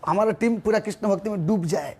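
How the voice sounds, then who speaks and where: A man giving a devotional sermon, breaking into slow chanted verses between his explanations. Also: high-pitched, a little mellow, breathy edge. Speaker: preacher.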